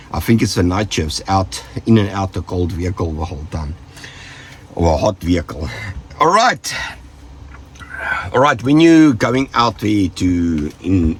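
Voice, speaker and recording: A South African vlogger, sick with the flu and sounding rough, speaks in a low voice over a faint hiss or hum. He hands out casual, jokey safety tips to his viewers and keeps drifting into trailing asides.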